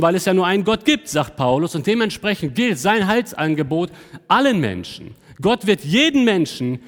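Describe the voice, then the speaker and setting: Emphatic preacher in an echoey hall. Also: male voice. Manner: emphatic, slows down on key words, drops low at ends of points. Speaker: pastor. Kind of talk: sermon.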